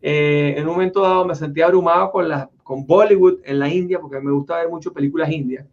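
A man hosts a casual conversational interview from a home office in Florida, talking fast in a voice a little high for a man. He rambles, restarting sentences and using many fillers, and the audio is dull and lo-fi.

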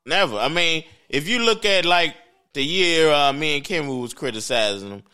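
A man argues sports with friends in a blunt, dismissive, profane way. His voice is bright and swings widely in pitch, rising high when he gets worked up. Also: expressive, moderate pace, clear, resonant tone. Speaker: podcast co-host. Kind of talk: heated casual sports debate.

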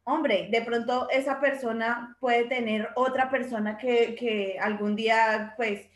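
A woman's voice: on the high side, fairly even intonation, slow. A woman, co-hosting a casual podcast and reflecting on ideas by working through her own examples. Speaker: podcast co-host. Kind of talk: casual conversation. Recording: roomy echo.

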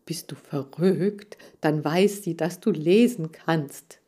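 A woman voicing a quiet bossy male hamster. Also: low voice, slow pace, husky, exaggerated voice. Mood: dry and bossy. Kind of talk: audiobook character voice.

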